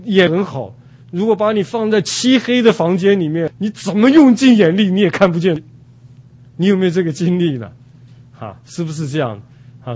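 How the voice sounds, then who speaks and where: An older man from Taiwan preaching a sermon at an unhurried pace, with many drawn-out "ah" fillers. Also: high voice, a little mellow.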